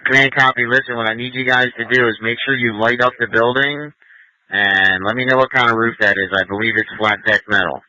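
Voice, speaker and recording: Over muffled fire radio audio, a man acting as incident commander issues instructions and confirms reports on a two-way radio. His medium-pitched voice is steady, a little fast, pushed and bright, with no echo. He is directive and repeats information back to check it.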